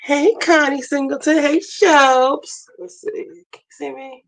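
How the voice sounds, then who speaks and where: A woman with a hoarse voice chatting casually on a livestream while she cooks in her kitchen. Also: high voice, fairly even intonation, unhurried, poor audio. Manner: chatty, multitasking while cooking. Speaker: livestream host. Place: home kitchen, running water. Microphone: phone camera.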